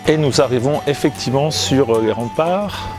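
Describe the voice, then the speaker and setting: A man, a comic book artist, chats casually while strolling outdoors, pausing often with fillers and restarts. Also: mid-range voice, music in the background. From Italy and Grenoble, France. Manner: hesitant, many fillers and restarts. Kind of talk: casual walking chat to camera. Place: outdoors, seaside town streets and ramparts.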